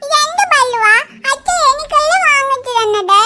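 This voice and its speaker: A woman's voice: extremely high pitch, animated, normal speed, noisy background. A woman voicing a stubborn, possessive little schoolgirl in a cartoon, whining and crying as she pleads. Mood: whiny stubborn. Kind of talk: cartoon voice acting.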